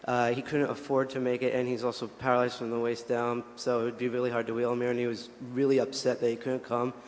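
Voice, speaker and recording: A man's voice: mid-range voice, monotone, fast. A man in an audience speaking at a microphone, earnest, a little nervous and rambling. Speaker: audience member asking a question. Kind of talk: live Q&A question. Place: large hall at a convention. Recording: large hall with audience.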